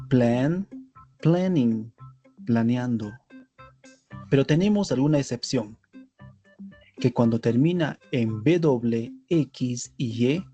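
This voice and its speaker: A man's voice: mid-range voice, mellow. A man narrating a scripted language lesson, spelling out letters and pairing each word with its translation. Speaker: English teacher.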